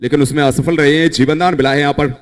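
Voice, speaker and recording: A man giving excited live cricket commentary, his voice leaping up on the big shots. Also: a little high, fast.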